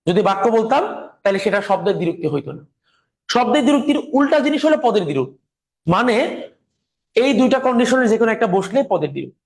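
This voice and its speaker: A man teaching a grammar lecture slowly and patiently, repeating his examples while speaking through a sore throat. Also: high-pitched.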